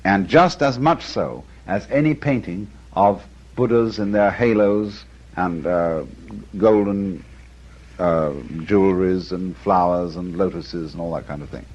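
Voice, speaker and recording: A man's voice: low voice, measured pace, darkish tone. A man giving a musing lecture on art and philosophy, chuckling often and breaking off into asides. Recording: dull lo-fi lecture recording.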